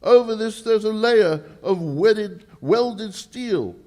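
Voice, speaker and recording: An actor playing a proud, easily exasperated English lord in charge of a bank vault, speaking formally in a 1940s radio drama style. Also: male voice, high voice, expressive, darkish tone. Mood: proudly emphatic. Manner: emphatic, deliberate, formal, slightly halting. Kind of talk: 1940s radio drama acting, performed live.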